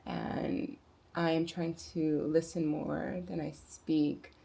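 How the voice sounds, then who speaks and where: A woman talking quietly to her camera in a personal vlog, reflective and searching for words, sometimes dropping into quiet asides. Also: low voice, level tone, slow pace, gravelly. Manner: soft-spoken, musing, with quiet asides. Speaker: vlogger.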